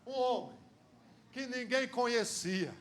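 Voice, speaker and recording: A man with a Brazilian Portuguese accent preaching a sermon in church, telling the story dramatically and swinging from shouts to hushed tones. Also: extremely high pitch, takes it slowly, a little hiss or hum.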